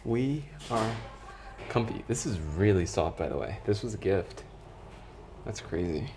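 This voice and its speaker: A man's voice: sits low, normal speed, noisy background. A man talking casually to the camera as a travel vlogger in airports and on planes, chatty and easygoing. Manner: chatty, easygoing, rambling with fillers. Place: airports, planes and a shuttle bus. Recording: background music under the voice. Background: music.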